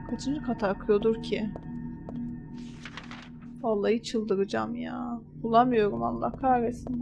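A woman with a slightly high voice and vocal fry narrates her own horror game playthrough as a let's play. Frustrated, she mutters to herself and scolds the game while searching, with game music playing behind her.

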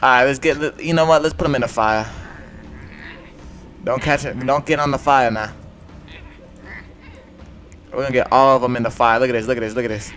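A man's voice: medium pitch, steady tone, fairly quick, long pauses, fairly bright tone. Young male gamer, muttered slangy commentary, faint music bed. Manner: mumbled, slangy running commentary. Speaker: gaming YouTuber. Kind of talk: casual gameplay commentary.

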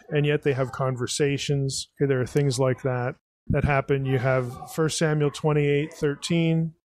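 A man's voice: on the high side, darkish tone. A podcast host answering an audience question at a live event. He thinks aloud, often restarts, and keeps saying "again" and "you know".

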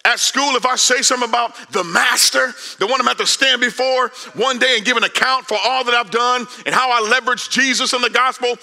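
A man in his forties preaching a sermon on a large church stage, animated and conversational, swinging from loud calls to hushed asides. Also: extremely high pitch, quick pace, gravelly, few pauses. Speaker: pastor.

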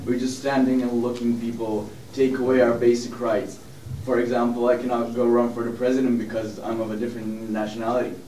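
A man's voice: medium pitch, flat delivery, brisk, dark tone, slight background noise. A man speaking plainly and with frustration in an interview. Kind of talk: interview answer. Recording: echoey, from a distance.

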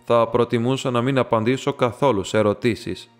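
A man voicing a calm, dry-witted detective. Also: medium pitch, faint music behind, natural voice. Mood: measured polite. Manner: polite, measured.

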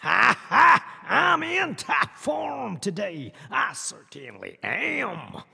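A man voicing a vain, boastful male wolf who shouts and laughs theatrically. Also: very high-pitched, very animated, extremely slow, gravelly, husky, big-room sound, voice pushed up, heavily acted.

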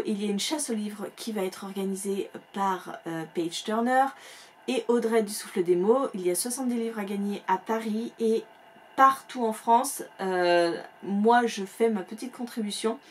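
A woman chats about new releases in a casual, enthusiastic way, often pausing on fillers. She talks at a mid pitch into a close mic at home. A faint hiss runs under the voice. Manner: chatty, warm enthusiasm with many fillers. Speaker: book vlogger. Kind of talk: casual book chat. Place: home room with bookshelves.

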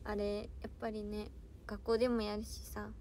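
A woman's voice: mid-range voice, flat delivery, normal speed, darkish tone, slight background noise. A young woman idol hosting a casual solo livestream, chatting playfully with viewers and reading their comments. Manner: playful, giggly, tries out foreign words and dialect phrases.

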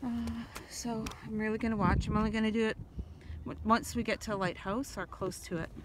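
A chatty woman films herself on a walk along a seaside breakwater, talking in a loose, rambling way full of ums and uhs. Her voice sits at an ordinary middle pitch, and a phone held in her hand picks it up. Steady outdoor noise and wind run under her words. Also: fairly quick. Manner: chatty, rambling, with fillers and small laughs. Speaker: vlogger. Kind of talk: casual walking vlog. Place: outdoors on a stone breakwater by the sea. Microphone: phone camera held by the speaker. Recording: noisy outdoor phone recording.

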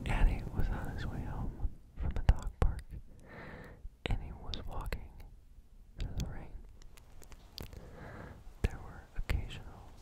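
A young man telling a bedtime-style story as ASMR, in a hushed, deliberate whisper close to the microphone. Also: rough recording. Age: young adult. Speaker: ASMR host. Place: small dim room indoors. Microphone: close desktop condenser microphone.

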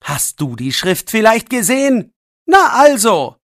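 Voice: mid-range voice, sing-song, unhurried, a bit bright, dry recording, studio quality, pitched above the performer's own voice. A narrator voicing an irritated teenage boy who scolds and mocks his friend in a learner's audiobook. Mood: sarcastic. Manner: scolding, sarcastic. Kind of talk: audiobook role voice.

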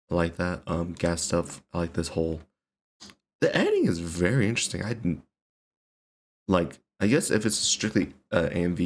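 A man's voice: low voice, a little hiss or hum. A man giving casual reaction commentary, rambling with many fillers and casual swearing. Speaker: reaction video host.

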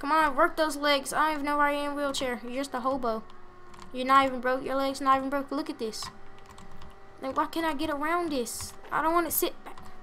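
Chatty high-voiced young woman gaming. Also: fairly quick, a little hiss or hum. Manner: chatty, self-mocking, bursts of loud excitement. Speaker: gameplay commentator. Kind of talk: casual gameplay commentary.

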